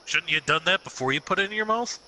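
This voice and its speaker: A man's voice: high voice, lively intonation, rapid-fire, pushed and bright, slight background noise. A man co-hosting a gaming show, teasing his friend with dry quips. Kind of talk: casual gaming chat.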